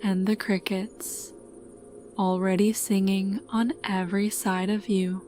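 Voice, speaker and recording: Calm and soothing, a female narrator guides listeners through a scripted sleep meditation, taking her time at a very slow pace. Her medium pitch barely moves, and music plays distinctly in the background.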